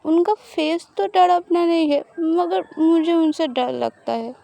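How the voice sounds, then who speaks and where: A woman's voice: very high-pitched, takes it slowly, gravelly, warm tone, voice pushed up, full character voice. A woman voicing a shy, easily flustered young woman in love, reading an audio love story.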